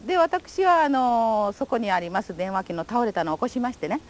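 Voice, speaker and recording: With a voice on the high side, animated and fairly quick, an older Japanese woman gives her recorded testimony. She survived the atomic bomb and recounts her memories through polite, formal, vivid storytelling.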